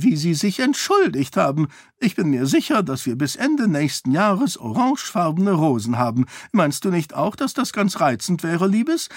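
Man voicing a chattering queen, high-pitched, rambling, flighty, dry close sound. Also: dry recording. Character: chattering middle-aged queen, small and flighty.

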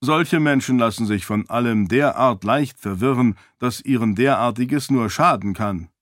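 A man's voice: mid-range voice, normal speed, a bit bright, no echo, lightly acted. A condescending schemer with a heavy foreign accent, as read by a man. He is snide and smug, recorded dry and close for a storybook.

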